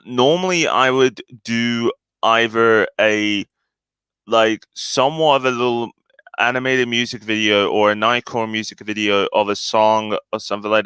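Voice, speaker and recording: A man hosting a relaxed solo live stream, his voice sitting a little low but sounding bright and tense. He speaks very cleanly, yet hesitates constantly, stumbling and restarting with lots of fillers. The sound is dry and close, with no room echo. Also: smooth.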